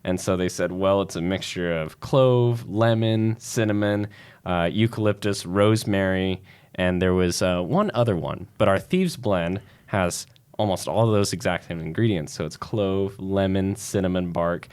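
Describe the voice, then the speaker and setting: A man's voice: low-pitched, normal speed, darkish tone, smooth. A man hosting a casual podcast, telling stories in a chatty way with lots of fillers. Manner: chatty storyteller, frequent fillers like "anywho". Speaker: podcast host.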